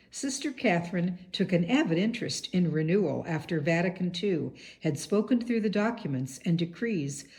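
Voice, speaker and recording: A woman reading a biography aloud as an audiobook, in a measured, earnest way. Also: fairly low pitch, a little mellow. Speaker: audiobook reader. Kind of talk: read-aloud biography narration.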